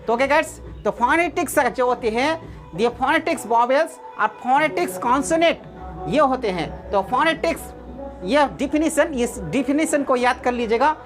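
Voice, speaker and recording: A woman's voice: sits high, expressive, moderate pace, over music. A woman teaching a class of online students, repeating key words and asking the students questions. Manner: repetitive, asks rhetorical questions.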